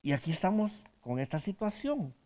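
Una mujer que da un estudio bíblico en tono conversacional. Hace preguntas al grupo y suele rematar sus frases con una pregunta. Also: female voice, fairly low pitch, big pitch swings, normal speed, mellow. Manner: asks the group questions, often adds a tag question at the end; tells stories from her own counseling work. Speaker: Bible study teacher. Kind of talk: conversational Bible study teaching.

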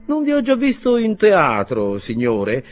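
A man's voice: medium pitch, big pitch swings, normal speed, darkish tone, breathy edge, pitched above the performer's own voice. A man voicing a haughty army lieutenant who speaks with contempt and aloofness.

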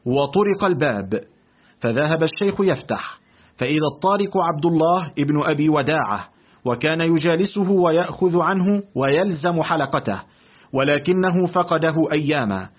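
Husky male audiobook narrator. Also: fairly high pitch, animated, moderate pace. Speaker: audiobook reader. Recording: tinny, lo-fi phone-like audio.

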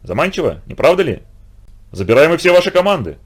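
A man's voice: a little high, sing-song, fast, slightly rough, voice pushed up. A man voicing a jovial, pushy middle-aged American colonel who talks hearty and coaxing. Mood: persuasive.

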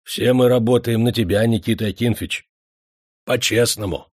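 A man's voice: on the low side, moderate pace, husky, no room sound, clean studio sound. A man doing a dignified old serf. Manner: cautious, dignified, proverb-quoting. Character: old male serf furnace worker, dignified.

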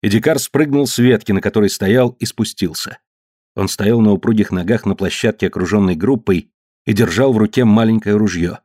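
A man narrating an adventure novel in a steady, measured storytelling voice. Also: fairly low pitch, dry recording, studio quality. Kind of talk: audiobook narration.

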